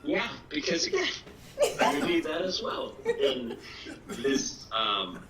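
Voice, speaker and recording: A man, a game developer guest, improvising a mock-serious sales pitch and laughing along. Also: wildly swooping pitch, takes it slowly, gravelly, a crowd in the background. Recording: roomy room, distant mic, faint hiss.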